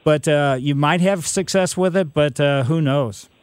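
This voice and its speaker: A man's voice: a little high, unhurried, smooth, no echo. A man in his sixties hosting a call-in gardening radio show, giving advice in a rambling, folksy way full of "you know". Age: 60s. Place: radio studio.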